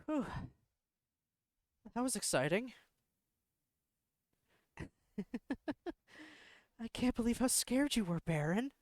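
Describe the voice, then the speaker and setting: Shy, polite bookish teen girl in a visual novel, voiced by a man; gentle, soft-spoken, pitched up high. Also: very animated, takes it slowly, long pauses, dry recording, studio quality, heavily acted. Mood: relieved. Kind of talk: reading a visual novel aloud.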